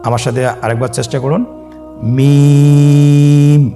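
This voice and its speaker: Man teaching Arabic letters, drawn-out sounds. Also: mid-range voice, animated, darkish tone, faint music behind. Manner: drawn-out, sung letter names for listeners to repeat. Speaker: Quran reading teacher. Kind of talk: scripted lesson on Arabic letters.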